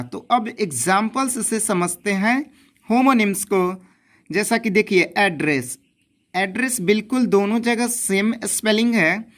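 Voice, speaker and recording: Slow-speaking woman teaching grammar. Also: mid-range voice. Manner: repeats points, asks and answers own questions. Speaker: English teacher. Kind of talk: classroom grammar lesson.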